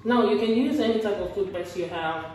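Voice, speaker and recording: A woman's voice: mid-range voice, brisk, a little mellow, a little hiss or hum. A woman vlogger casually explaining a home teeth-whitening routine while her mouth is full of charcoal paste. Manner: chatty, self-correcting, talking while demonstrating. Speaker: beauty vlogger. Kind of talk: casual how-to vlog. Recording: echoey room, voice from a distance, faint music.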